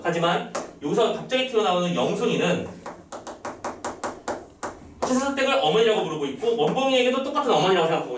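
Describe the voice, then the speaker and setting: Lively high-voiced male teacher. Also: noisy background. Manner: reads the text's lines aloud in acted voices; quizzes students with quick rhetorical questions. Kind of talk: online lecture. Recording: roomy echo, a little far from the mic.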